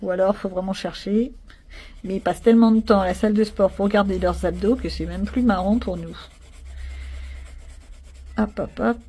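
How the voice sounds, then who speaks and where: A woman's voice: medium pitch, fairly even intonation, moderate pace, pauses often, mellow, husky. A woman chatting casually to her viewers, thinking aloud as she colors a picture with pencils. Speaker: coloring channel host. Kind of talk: casual narrated coloring session.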